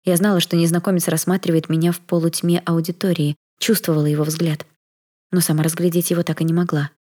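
A woman reading a first-person audiobook in a soft, even storytelling manner. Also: lowish voice, fast.

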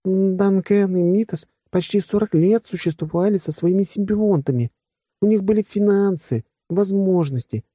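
A man's voice: high-pitched, normal speed, warm tone, slightly rough, no room sound, studio quality, voice pushed up. A man voicing a blunt blonde woman warrior in an audiobook, scornful and lecturing.

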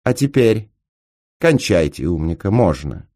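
Audiobook: male reader as a sneering young card-sharp, smooth, theatrical. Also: low voice, big pitch swings, unhurried, pitched above the performer's own voice, full character voice.

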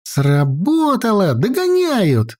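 A man voicing a young girl navigator who gives brisk, military-style reports in a raised voice. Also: sits high, very animated, a little mellow, voice pushed up. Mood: brisk reporting. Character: young girl scout reporting drone sightings.

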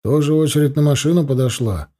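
A man voicing a gruff, tired older doctor who mutters in a low voice in an audiobook. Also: fast talker, dark tone, natural voice. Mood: grumbling.

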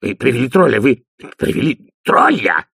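Fussy dwarf official, stammering, flustered, gravelly man voicing him. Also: medium pitch, very animated, brisk, fairly bright tone, no room sound, studio quality, pitched above the performer's own voice, heavily acted.

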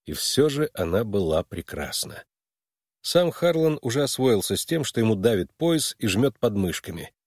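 A man narrating a novel in a measured, expressive reading voice. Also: fairly low pitch, no room sound, clean studio sound. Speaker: audiobook narrator. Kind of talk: scripted narration.

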